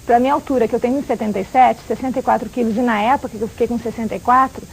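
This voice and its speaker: High, fast-talking Brazilian woman guest. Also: fairly even intonation, creaky, slight background noise, rough recording. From southern Brazil, raised in Rio de Janeiro. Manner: chatty, talks in quick runs with fillers. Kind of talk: casual talk-show chat.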